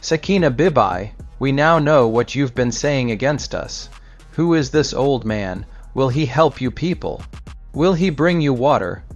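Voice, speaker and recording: A man's voice: mid-range voice, expressive, unhurried, natural voice. A man voicing menacing, mocking village bullies who threaten the old man. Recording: slightly dull recording with soft music.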